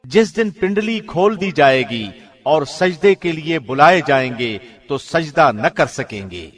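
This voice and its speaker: A man reads a scripture translation formally, like a professional radio presenter, with a solemn, measured, clearly articulated delivery. His voice is fairly high, expressive, and a bit bright.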